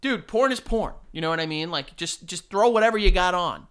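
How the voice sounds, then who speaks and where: A man's voice: sits high, a little fast, a bit bright, smooth. A young man co-hosting a podcast in casual, crude banter, rambling with laughing asides, recorded on a desk mic in a small studio. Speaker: podcast co-host. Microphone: desk-mounted podcast mic, headphones.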